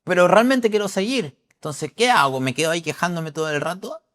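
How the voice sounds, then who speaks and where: An exasperated hiker who has taken the wrong path, as a man puts him on, thinking aloud about what to do next. The voice sits a little higher and stronger than his normal talk. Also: brisk, fairly bright tone. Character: lost hiker, adult man, frustrated but determined.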